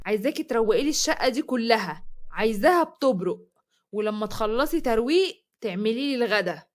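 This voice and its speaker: A spoiled sister-in-law orders her around with open disgust in an Egyptian accent, as a woman storyteller puts her on. The voice is high, fast and commanding. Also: animated, natural voice. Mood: contemptuous. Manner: contemptuous, commanding.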